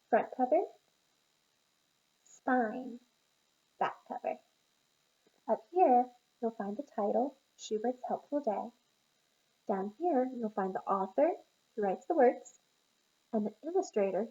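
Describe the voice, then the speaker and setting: A woman teacher reading a picture book aloud to young children, encouraging and pausing to ask them questions. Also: medium pitch, warm tone, muffled recording.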